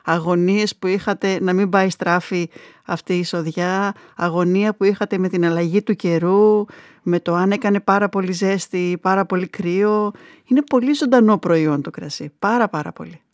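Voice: medium pitch, no echo. Attentive radio host, dry sound. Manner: attentive, many murmured agreements. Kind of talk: radio interview.

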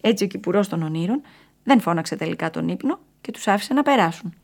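A woman narrating a storybook in a lively, expressive way. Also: on the low side, gravelly.

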